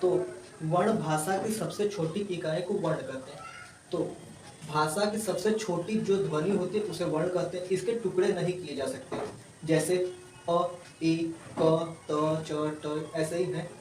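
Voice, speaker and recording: A male tutor explaining a grammar lesson to students, slowly repeating definitions and sounding out letters one by one. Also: fairly high pitch, fairly even intonation, darkish tone. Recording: roomy, distant mic, faint ambient noise.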